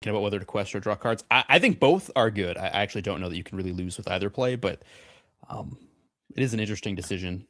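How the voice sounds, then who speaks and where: A man co-commentates a card game match in a relaxed, hesitant way, full of ums and restarts. His voice sits fairly low and the sound is dry and close. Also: fast talker, dry recording. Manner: relaxed, hesitant, many fillers. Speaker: co-caster.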